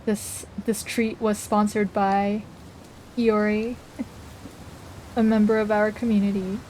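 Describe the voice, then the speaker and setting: A woman's voice: mid-range voice, flat delivery, slow, a little mellow, a little hiss or hum. A woman livestreamer chatting casually, reacting to chat messages and talking while she eats.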